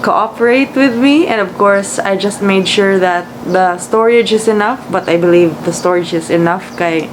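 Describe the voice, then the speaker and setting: A woman's voice: medium pitch, normal speed, hardly any pauses. A woman from the Philippines with a Cebuano Filipino accent, just woken up, chatting casually and rambling as she vlogs, switching between English and Cebuano. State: just woke up. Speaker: vlogger. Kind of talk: casual vlog chat. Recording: clearly noisy room, air-conditioner-like hum.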